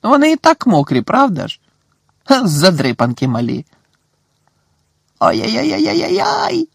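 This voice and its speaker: A man voicing a mischievous little male poltergeist who giggles and jeers in a shrill, high voice. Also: huge pitch swings, normal speed, husky, dry recording, clean studio sound, full character voice. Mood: gleeful jeering.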